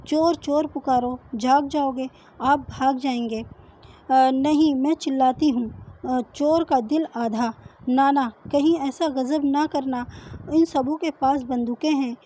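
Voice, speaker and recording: A woman's voice: high voice, steady tone, mellow, close to an everyday voice. A woman reading as a defiant young wife. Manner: bold, insistent. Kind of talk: reading a story aloud.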